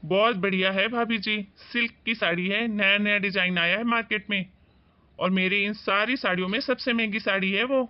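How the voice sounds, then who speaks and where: A man's voice: high voice, steady tone, normal speed, lo-fi sound, natural voice. A man voicing a polite saree seller who eagerly praises his wares. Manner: salesman-like, deferential.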